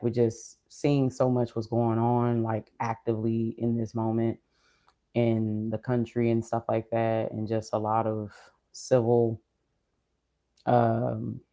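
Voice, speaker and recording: A vlogger talking casually and reflectively in a low-energy, unhurried, subdued way, with a mellow voice. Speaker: streamer or vlogger. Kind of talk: casual reflective monologue to an audience.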